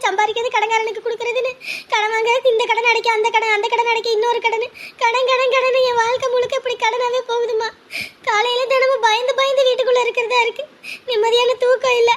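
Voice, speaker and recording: A woman's voice: very high-pitched, fairly bright tone. An actress playing a desperate young woman, crying and pleading over her debts in a family drama. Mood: despairing. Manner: tearful, pleading. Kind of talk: family web drama acting.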